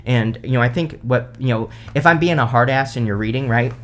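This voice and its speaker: A man with a mid-pitched voice reads tarot as a host would, off the cuff. He explains each card conversationally, wandering a bit and addressing the listener directly. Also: fairly quick, a bit bright, slight background noise. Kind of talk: casual unscripted tarot card reading, explaining cards.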